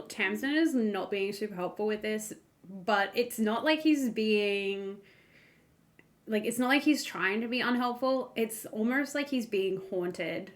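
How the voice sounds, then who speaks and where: A woman narrating as game master of a tabletop game in a relaxed, measured way. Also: mid-range voice.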